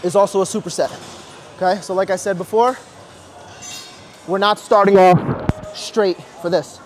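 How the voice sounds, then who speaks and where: High-voiced trainer coaching in a gym. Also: male voice, fairly even intonation, faint music behind. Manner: instructive, brisk cues and encouragement. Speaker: personal trainer. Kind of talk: coaching through a workout. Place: large indoor gym. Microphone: lapel mic.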